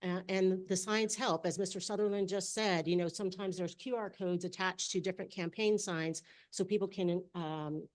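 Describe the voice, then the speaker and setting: Low-ish woman at council podium, measured, lots of uh's, formal public comment. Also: fairly even intonation. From Texas. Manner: measured, many "uh" fillers. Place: council chamber.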